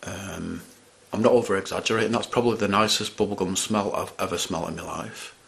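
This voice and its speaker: A man's voice: deep voice, steady tone, fairly quick, creaky, a bit bright. A man chatting casually as he reviews candy on camera, rambling and restarting his sentences. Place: at home in front of a camera.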